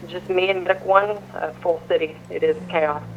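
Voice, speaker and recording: A woman talking as a police officer over a police radio, making quick, urgent calls. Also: lowish voice, fairly even intonation, dull audio, heavy background noise.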